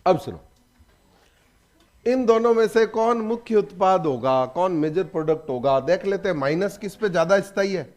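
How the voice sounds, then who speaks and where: A man teaching a chemistry class, firing quick questions at his students and pushing them to answer. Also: high-pitched, animated, darkish tone. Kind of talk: classroom lecture.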